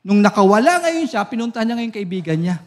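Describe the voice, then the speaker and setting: A man's voice: high voice, brisk. A male pastor preaching a sermon at a church service, telling stories with a laugh and asking the congregation for amens. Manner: lively storytelling, laughs often, asks the congregation for amens.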